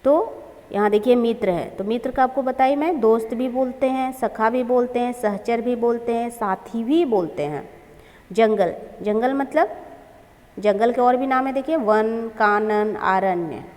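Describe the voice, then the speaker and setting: A woman teaches a children's lesson in a slow, unhurried way, going through word after word and repeating them. Her voice sits a little high. A long reverb trails behind her. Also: a little mellow.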